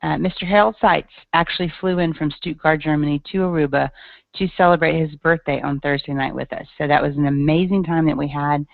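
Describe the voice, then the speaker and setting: A woman's voice: low-pitched, fairly even intonation, a little fast, creaky, no room sound. A woman with a Tennessee Southern accent, presenting earnestly and chattily on an online call, with many ums. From Tennessee, USA. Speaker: guest speaker. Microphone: video call. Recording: tinny dry call audio.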